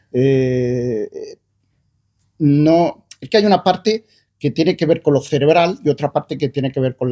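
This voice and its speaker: A man talks about his own writing at a book presentation. His voice is warm and mellow, and he thinks aloud with frequent fillers and restarts. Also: mid-range voice. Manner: hesitant, thoughtful, many fillers and restarts. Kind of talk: conversational book presentation talk.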